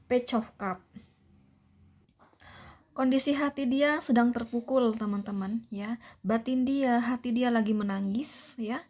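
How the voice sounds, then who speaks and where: A woman's voice: fairly high pitch, a little mellow. Chatty young woman reading tarot. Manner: chatty, repetitive, many fillers and tag questions. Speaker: tarot reader.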